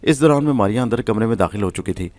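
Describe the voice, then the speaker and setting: A man's voice: lowish voice, lively intonation, darkish tone, distant mic. A man narrating a story from a script and reading every part in his own voice.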